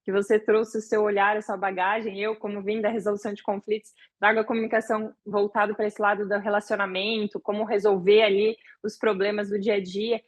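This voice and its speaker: Breathy-voiced woman interview host. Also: medium pitch, flat delivery, brisk, hardly any pauses, no echo. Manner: reflective, affirming. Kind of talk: conversational interview.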